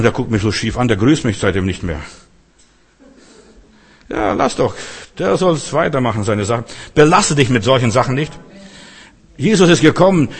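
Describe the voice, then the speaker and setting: A male preacher delivers a lively sermon. His voice sits slightly high for a man. Long hall reverb trails after each phrase. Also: husky. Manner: lively, rising and dropping, acts out quotes.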